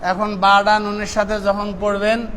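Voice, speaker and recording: A male Quran teacher drilling pronunciation with a class, drawing out syllables slowly, then explaining quickly, and chanting the verses. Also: high voice, completely flat delivery, background noise. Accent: Bangladeshi Bengali.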